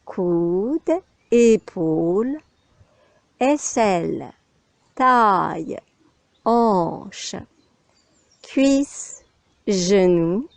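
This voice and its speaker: A yoga instructor guides a meditation, giving short instructions at an extremely slow pace with pauses between phrases. Her fairly high voice is mellow, and the recording is very dry and close.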